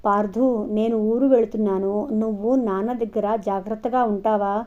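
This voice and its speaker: A woman reading the part of a grieving young mother in a storybook, speaking softly and haltingly. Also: mid-range voice, fairly even intonation, natural voice. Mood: sad. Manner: soft, halting. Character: grieving young mother, tearful and soft-spoken. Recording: dull lo-fi recording.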